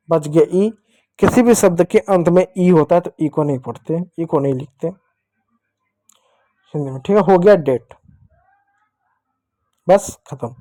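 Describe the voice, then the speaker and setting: This high-voiced male teacher, dark in tone and without room sound, leads an online class for young kids. Patient drilling and self-answered questions mark his style, and his digital pen can be heard as he talks.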